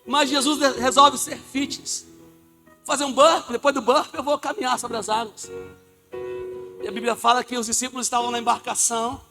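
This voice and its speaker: A man preaching a lively sermon as pastor of a church, with a Brazilian Portuguese accent, joking and acting out the people in his stories. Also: extremely high pitch, brisk, faint music behind. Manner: animated, jokey, acts out the people in his stories.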